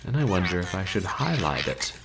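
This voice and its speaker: A video game streamer in his thirties hosts a livestream from a small bedroom, speaking briskly in a low, sing-song voice. He chats casually with viewers, wry and self-deprecating, with wordy phrasing, on a noisy home webcam stream.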